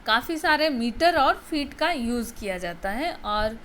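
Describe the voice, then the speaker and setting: A woman's voice: a little high, expressive, measured pace, fairly bright tone, a little hiss or hum. A woman college lecturer with an Indian English accent explaining poetry to students, patient and explanatory, repeating key terms.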